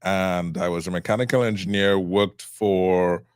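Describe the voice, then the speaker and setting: Low-voiced man from Cameroon, measured. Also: fairly even intonation, smooth, no echo, studio quality. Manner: measured, reflective, with fillers. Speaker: guest, trial attorney. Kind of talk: interview conversation.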